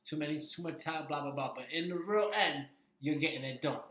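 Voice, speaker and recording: Animated man talking wrestling in an echoey room. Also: fairly high pitch, a little fast. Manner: animated, repeats himself for emphasis. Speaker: podcast co-host. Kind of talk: casual wrestling talk.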